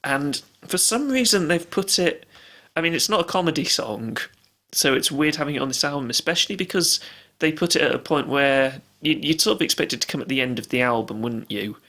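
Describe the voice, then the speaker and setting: A man's voice: a little high, brisk, bright, forceful tone. A man co-hosting a podcast, chatting casually about an album, laughing often. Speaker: podcast co-host. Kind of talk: casual music review chat.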